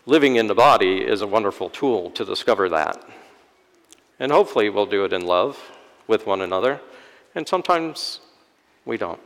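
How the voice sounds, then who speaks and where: A priest delivering a sermon in a church, with wry, self-deprecating humor. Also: male voice, on the low side, brisk. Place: church sanctuary. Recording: long church-hall reverb.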